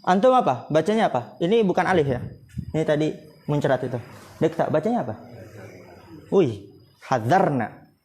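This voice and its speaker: A man's voice: a little high, lively intonation, fast, a little mellow, a little hiss or hum. A man with an Indonesian accent teaching an Arabic grammar class, quizzing his students and laughing often. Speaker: Islamic boarding school teacher.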